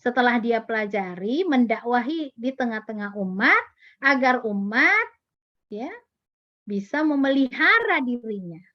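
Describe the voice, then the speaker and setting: A woman with a high voice gives a religious lesson to parents. She explains step by step, repeats key words and asks rhetorical questions. The sound is dry and somewhat dull. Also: animated, measured pace, no room sound. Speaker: religious teacher at a parenting class. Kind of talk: Islamic study lesson.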